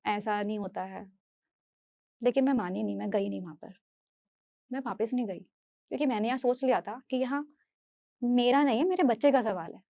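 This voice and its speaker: A woman from Delhi giving an earnest, halting first-person testimony as a speaker, often restarting and repeating her phrases. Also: on the high side, vocal fry, mellow, no room sound. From Delhi, India. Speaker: speaker sharing a personal story.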